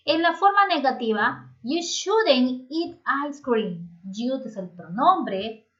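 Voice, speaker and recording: A woman teacher, explaining a grammar lesson to children slowly and patiently. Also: fairly high pitch, fairly bright tone. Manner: slow, patient explaining, switching between languages. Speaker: English teacher. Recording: slightly muffled lo-fi home recording.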